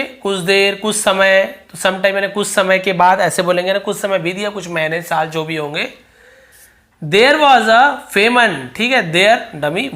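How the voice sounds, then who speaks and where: A teacher reads English story sentences slowly, then explains them word by word in a chatty, repetitive way. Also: mid-range voice, pushed and bright. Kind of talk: line-by-line translation lesson.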